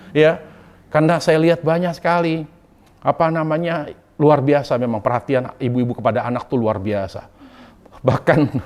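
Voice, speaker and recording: A man's voice: medium pitch, darkish tone. Male preacher, conversational and humorous, repeats his key points, casual sermon to a women's group. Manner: chatty and humorous, with colloquial asides and acted quotes; pleading, repeating points for emphasis. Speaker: Islamic preacher.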